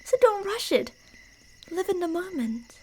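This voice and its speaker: Her voice is extremely high and very animated, warm in tone, at a measured pace, in a rough recording with slight background noise. The woman performs an ASMR horror roleplay as a creepy, delusional yandere stalker, narrating her prey's path playfully and menacingly, drifting into whispers.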